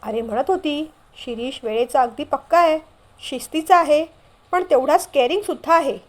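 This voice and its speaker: A woman's voice: sits high, normal speed, lightly acted. A woman voicing a cheerful younger brother who teases and reassures in a playful way.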